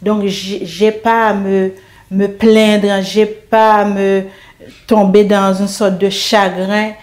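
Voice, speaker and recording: A woman's voice: mid-range voice, flat delivery, takes it slowly, darkish tone. A middle-aged woman giving an earnest faith testimony in an interview, speaking hesitantly and often restarting or repeating her words.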